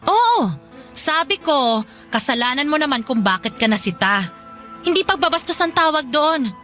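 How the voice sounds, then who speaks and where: In a Filipino radio drama, a woman plays a defensive, argumentative middle-aged mother who scolds and dismisses, firing back with sharp questioning retorts. Her voice is high-pitched, sing-song and exaggerated, at a moderate pace, with faint music behind it.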